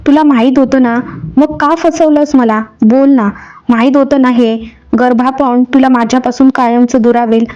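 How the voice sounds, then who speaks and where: A woman's voice: high-pitched, steady tone, moderate pace, darkish tone, dull audio, close to an everyday voice. A woman voicing a grieving young husband, pleading in grief and then standing firm, in a storybook reading. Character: grieving young husband, man, heartbroken and defiant.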